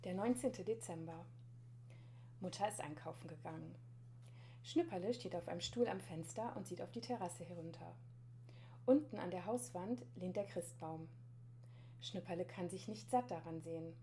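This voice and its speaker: A woman introducing and reading a children's Christmas story aloud, lively, with voices for the characters. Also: fairly low pitch, normal speed, a little hiss or hum.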